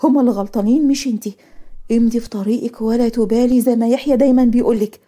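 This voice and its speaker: A woman voicing a spirited young Egyptian woman, a student, lively and teasing, in a cartoon story. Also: fairly high pitch, rapid-fire, close to an everyday voice.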